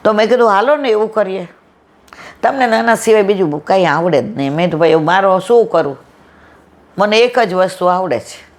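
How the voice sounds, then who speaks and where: A woman at medium pitch and normal speed, her intonation lively, gives a devotional satsang talk. She relates stories casually and dramatizes the dialogue within them.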